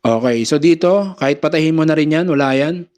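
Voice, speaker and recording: A man gives a casual step-by-step tutorial on mixer settings from a small home studio, pausing to say mic-check phrases into a condenser microphone. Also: a little high, darkish tone. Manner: explains step by step, says mic-check phrases between adjustments. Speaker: audio gear seller and tutorial host. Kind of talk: casual how-to demonstration. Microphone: condenser microphone through a mixer.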